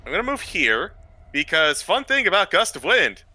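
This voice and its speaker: A man playing a tabletop game, talking through tactics in a deliberate, questioning way. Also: high-pitched, sing-song, bright, forceful tone, dry recording, rough recording. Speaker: player. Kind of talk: casual tabletop play.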